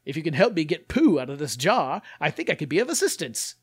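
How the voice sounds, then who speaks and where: A man's voice: fairly high pitch, big pitch swings, fast, slightly rough, no room sound, clean studio sound. A man voicing a prim, posh young boy who scolds primly.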